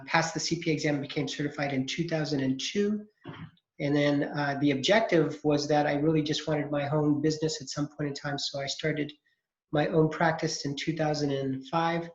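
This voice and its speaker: A man in his forties who teaches accounting at a college introduces himself to his class over a video call, relaxed and chatty with lots of fillers. He's from California, USA, and his voice sits fairly high. The computer mic gives the call audio an echoey, dull quality.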